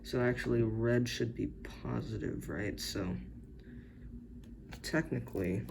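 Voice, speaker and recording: Slow gravelly man on noisy camera audio. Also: mid-range voice. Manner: hesitant, unsure, many self-corrections. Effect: camera-recorded audio. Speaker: hobbyist building circuits. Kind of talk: thinking-aloud tinkering narration. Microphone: camera's built-in mic. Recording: noisy camera-mic recording.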